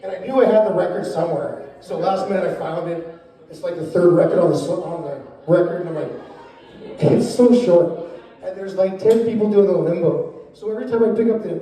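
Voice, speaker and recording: Hesitant amateur comic, high-pitched man, very echoey. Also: a little fast, mellow. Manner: hesitant, unrehearsed, loses his thread. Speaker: amateur open-mic comedian. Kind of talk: rambling stand-up storytelling. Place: echoey indoor open-mic venue. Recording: very echoey room, distant microphone, muffled.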